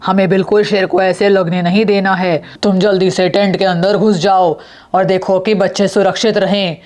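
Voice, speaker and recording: Woman voicing a calm, brave young father. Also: medium pitch, moderate pace, lightly acted. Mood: steady. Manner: steady, commanding, reassuring.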